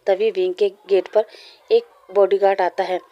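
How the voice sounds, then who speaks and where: A woman narrating a fan fiction story aloud in a steady, plain reading voice. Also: mid-range voice, normal speed, lo-fi sound.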